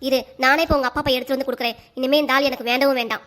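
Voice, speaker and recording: A woman voicing an angry mother and wife in a cartoon, scolding sharply and without pause. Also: high voice, fairly even intonation, a bit bright. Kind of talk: cartoon voice acting.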